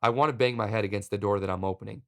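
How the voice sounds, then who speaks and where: A man hosting a podcast, narrating a personal story in a wry, deadpan comic way. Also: lowish voice, rapid-fire, gravelly. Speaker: podcast host.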